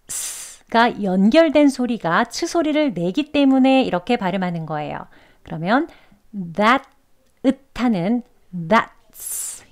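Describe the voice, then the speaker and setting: A woman with a Korean accent teaching English pronunciation, slowly and carefully demonstrating each sound. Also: medium pitch. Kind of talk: pronunciation lesson.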